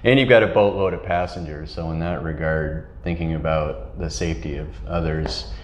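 A man's voice: rumbling low, fairly even intonation, moderate pace, reverberant. A middle-aged man, a tall ship captain, telling sailing stories in a casual, rambling way with laughs, on a lapel mic. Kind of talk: casual storytelling interview. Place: wood-paneled ship cabin.

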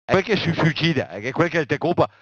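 A man's voice: fairly high pitch, very animated, fast, breathy edge, no room sound, highs cut off. A man in his thirties with a Venetian accent, acting an angry, foul-mouthed militant who rants with explosive curses. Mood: brooding. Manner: ranting, peppered with explosive cursing.

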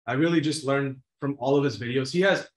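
A man's voice: medium pitch, a little fast. A twenty-one-year-old man speaking as a guest on a video call interview, talking casually with many restarts and "you know"s. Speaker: guest, real estate investor. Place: home room, plain wall. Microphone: video call webcam. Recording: roomy echo.

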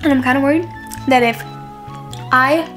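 A woman's voice: high-pitched, normal speed, music in the background. Chatty young woman vlogging. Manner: chatty, playful, talks to viewers. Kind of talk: casual vlog chat.

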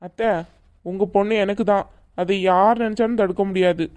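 A woman's voice: mid-range voice, fairly even intonation, moderate pace, a little mellow, natural voice. A woman voicing a determined young man in a cartoon, the groom-to-be, reassuring and confident.

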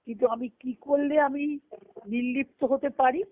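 A woman's high voice, with fairly even intonation and a slightly slow pace, comes through a tinny narrowband conference call line as she gives a devotional lecture on scripture. The spiritual discourse speaker repeats key phrases and answers her own questions, and the recording is dry.

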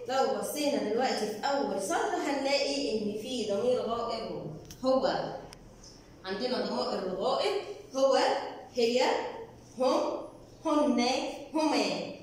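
A woman teacher with an Egyptian Arabic accent, slowly and patiently explaining a primary school lesson. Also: on the high side, expressive. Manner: slow, patient explaining, drawing out words. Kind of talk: recorded classroom lesson. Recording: echoey room, distant mic, faint noise.

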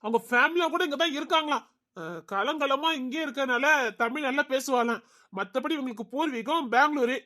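A woman's voice: high voice, brisk, pushed and bright. A woman voicing a deferential assistant who politely explains things to her boss, in an amateur audio drama.

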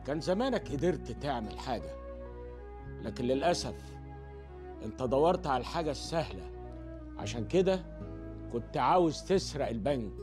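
An actor playing a stern elder with an Egyptian accent, lecturing two young men in a measured and disappointed way in a film comedy scene. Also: male voice, medium pitch, expressive, over music, lightly acted. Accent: Egyptian Arabic.

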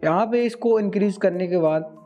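A man, giving a steady step-by-step software tutorial as a video host. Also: high-pitched, normal speed, dull audio, soft background music. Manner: steady instructional, mixing English words into Hindi.

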